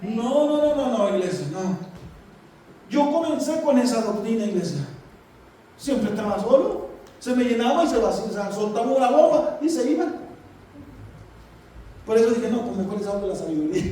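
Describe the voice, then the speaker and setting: A man preaches with a very high voice, talking to his congregation in a folksy, joking, direct way. His voice comes from a distance and rings through a very echoey church hall. A faint hiss of noise sits under the sermon. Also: expressive, normal speed, long pauses, mellow. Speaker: pastor.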